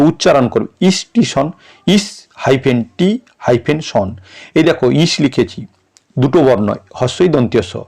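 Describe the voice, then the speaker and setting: A man's voice: mid-range voice, creaky, darkish tone. A male tutor who reads out exam answers and explains them, breaking words into syllables like a teacher. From West Bengal.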